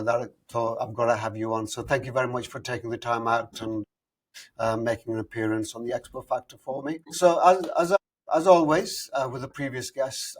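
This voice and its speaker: A man hosting an industry podcast. He opens with an upbeat scripted welcome, then settles into casual, friendly conversation, loosely phrased with fillers. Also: medium pitch. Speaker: podcast host. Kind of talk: scripted intro, then casual interview chat.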